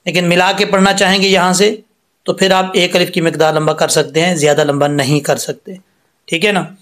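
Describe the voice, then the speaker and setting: A man teaching Quran recitation rules step by step, explaining patiently and reciting each word slowly with drawn-out vowels. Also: sits high, level tone, a bit bright. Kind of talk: step-by-step tajweed lesson.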